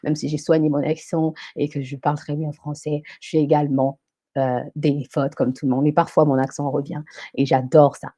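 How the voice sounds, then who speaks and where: Host: young woman from Africa, mellow voice, dry close sound, pep-talk monologue. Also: deep voice, flat delivery, normal speed, dry recording. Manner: emphatic, repetitive, motivational, mixes in English phrases. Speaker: live show host and coach. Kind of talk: live stream monologue. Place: France.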